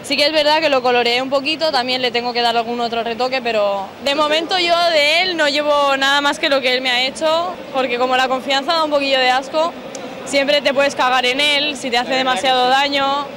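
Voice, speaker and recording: High-voiced young woman, frank and joking. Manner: frank, joking, teasing her partner. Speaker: interviewee at a tattoo convention. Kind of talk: casual chat. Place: large indoor expo hall. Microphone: handheld interviewer mic. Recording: noisy convention hall.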